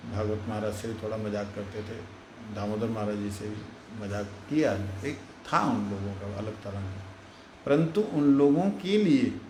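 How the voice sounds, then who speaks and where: A man's voice: medium pitch, darkish tone. Monk guy telling devotional stories, blunt and direct, echoey room, a bit of background hum. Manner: frank, speaks directly. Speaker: monk giving a devotional talk. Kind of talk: devotional storytelling talk.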